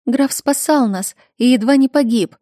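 A woman doing a sweet, high-voiced young princess. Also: normal speed, warm tone, dry recording, studio quality, natural voice. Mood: pleading.

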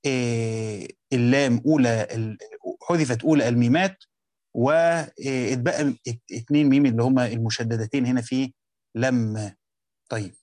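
A man with an Egyptian accent lectures his students on a classic text, working through it step by step. He repeats key words and drawls slowly through each quotation. His voice sits at an ordinary middle pitch in a dry, close recording. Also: steady tone, a little mellow, dry recording. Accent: Egyptian Arabic. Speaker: teacher of Quranic exegesis.

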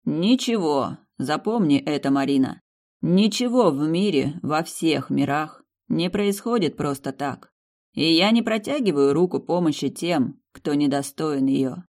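A reader voicing a slow, measured demiurge. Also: medium pitch, expressive, creaky. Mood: earnest. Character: mysterious male demiurge, calm and patronizing. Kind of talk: audiobook character voice.

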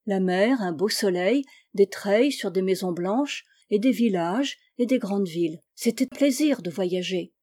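A woman narrating a literary story as an audiobook, with expressive, dramatic delivery. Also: mid-range voice, unhurried, hardly any pauses. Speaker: audiobook reader.

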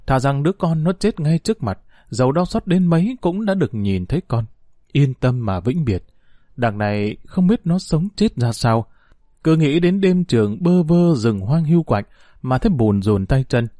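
A man reading a story aloud as narrator, in an expressive storytelling manner. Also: mid-range voice, normal speed, no room sound, studio quality.

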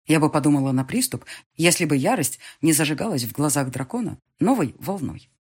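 Husky, lively woman narrator. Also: low voice, a little fast. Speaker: audiobook narrator. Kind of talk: first-person scripted narration.

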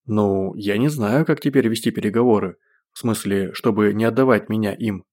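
A scheming man pleading his case in a soft, self-pitying voice, as an audiobook narrator puts him on. The pitch sits a little above the narrator's low baseline. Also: moderate pace, natural voice. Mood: wheedling.

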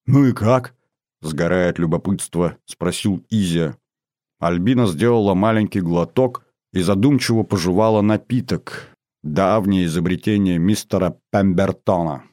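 Male audiobook narrator, low voice, measured storytelling, dry close mic. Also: warm tone, no echo. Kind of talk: scripted narration.

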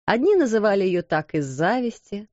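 A woman narrating a children's story aloud, animated and acting out the characters. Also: mid-range voice, moderate pace, dry recording, highs cut off. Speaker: audiobook narrator. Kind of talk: expressive storybook reading.

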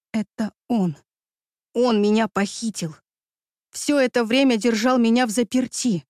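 Woman narrator, first-person audiobook, tense dramatic reading, high-ish voice, dry close sound. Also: darkish tone, no room sound.

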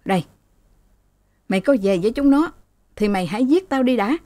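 A woman's voice: fairly low pitch, a little slow, dark tone, dry recording, close to an everyday voice. A woman voicing a poor, heartbroken older mother who pleads through tears, in an audiobook reading. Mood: bitter. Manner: pleading and tearful.

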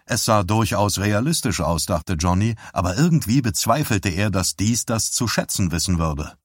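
A man narrating an audiobook in a steady, measured way. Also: on the low side, breathy edge, no room sound, studio quality.

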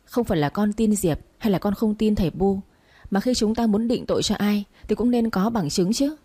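A woman voicing a sickly young man who speaks weakly and calmly. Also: medium pitch, husky, natural voice. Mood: weary. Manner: weak, tired, measured. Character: frail sickly young master, calm and reasonable.

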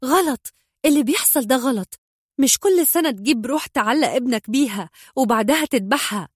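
An anxious young Egyptian mother, her voice pitched up and lively as she pleads and argues, voiced by a woman narrator. It sits close and dry, with no room around it. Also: fairly quick, husky, no room sound. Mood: indignant. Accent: Egyptian Arabic. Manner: pleading, then scolding and indignant.

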